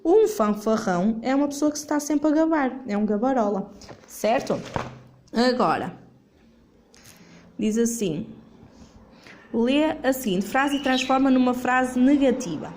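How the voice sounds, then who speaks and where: A woman's voice: high voice, expressive, a little slow, pauses often, darkish tone, a little hiss or hum. A woman teacher, going over a worksheet in a remote lesson, filming with her phone while she writes. She patiently asks questions and answers them herself. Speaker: primary school teacher.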